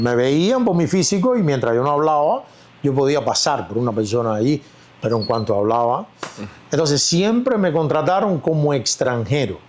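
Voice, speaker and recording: This actor, who has a Cuban accent, gives a casual interview in a reflective, story-driven way, filling his speech with fillers. His voice is medium-pitched and darkish, with slight background noise.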